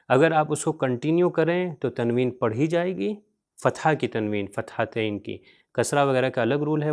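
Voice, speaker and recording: Man, teacher, spoken lesson, letter-by-letter spelling, repeats each word, english terms mixed in. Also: mid-range voice. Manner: mixes English words into his teaching. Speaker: Quran reading teacher.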